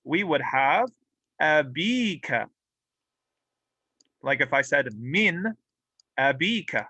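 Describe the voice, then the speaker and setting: A man's voice: a little high, expressive, a little slow, bright, forceful tone, husky, dry recording, poor audio. A man teaching a classroom grammar lesson, explaining patiently and drilling example words aloud with light humor. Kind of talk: classroom lecture. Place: mosque classroom.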